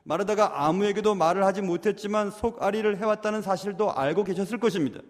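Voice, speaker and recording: High-voiced pastor preaching in an echoey hall. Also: male voice, quick pace. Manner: earnest, rhetorical questions to the congregation. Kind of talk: sermon.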